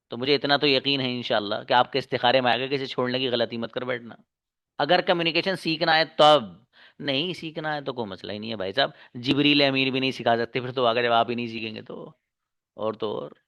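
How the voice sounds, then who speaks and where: A man's voice: mid-range voice, bright, forceful tone, clean tone. A man teaching an online English class, talking earnestly and coaxingly to his students, calling them brother and daughter. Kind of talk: motivational talk to students. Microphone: online class mic.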